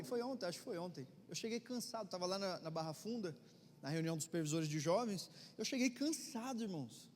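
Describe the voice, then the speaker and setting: Brazilian pastor, man, middle-aged, Brazilian Portuguese accent, high voice, chatty sermon with loud and hushed swings, reverberant church hall. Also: a little hiss or hum. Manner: conversational preaching, swings between loud urgency and quiet intensity. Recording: long reverb of a church hall, faint ambience.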